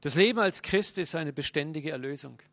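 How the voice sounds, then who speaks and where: Male preacher with a raised, gravelly voice, earnest sermon delivery, addressing the congregation directly. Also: a little high, animated, brisk, no room sound. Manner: earnest preaching, speaks straight to listeners, swings between loud and hushed.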